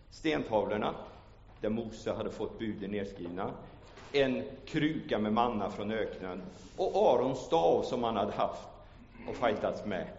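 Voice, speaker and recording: Dramatic male pastor preaching in an echoey hall. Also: mid-range voice. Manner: dramatic, swings from hushed storytelling to loud calls. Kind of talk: sermon. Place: church hall. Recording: echoey church hall, dull lo-fi sound.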